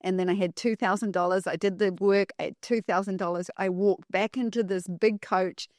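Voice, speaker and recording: Speaking at a moderate pace in a steady, mid-range voice with a slightly mellow quality, this podcast guest tells her stories with emphasis and repeats key phrases for impact. The studio sound is clean, with no echo.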